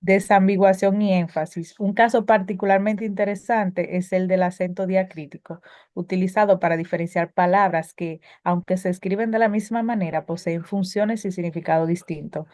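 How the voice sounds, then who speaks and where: A woman's voice: on the low side, steady tone, moderate pace, a little mellow, dry recording, clean studio sound. A woman teaching a spelling lesson, reading prepared explanations with occasional filler sounds and self-corrections.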